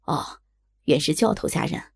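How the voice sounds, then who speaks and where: A woman voicing gruff, brusque common men who work as tavern waiters, in a low gravelly put-on voice. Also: unhurried, dry recording, studio quality, lightly acted. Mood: helpful. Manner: brusque, offhand. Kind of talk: storytelling voice acting.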